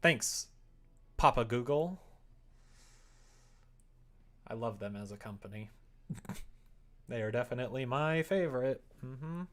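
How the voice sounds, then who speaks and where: Thinking aloud on a relaxed coding stream, a man working on a visual novel keeps up a wry mutter to himself. His mid-range voice has a fairly bright tone, and he's unhurried, pausing often.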